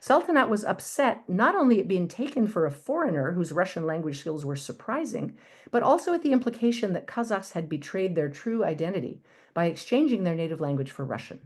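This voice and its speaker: A woman giving an academic lecture, measured and a little halting, with frequent ums and restarts. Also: lowish voice, sing-song. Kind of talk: academic talk.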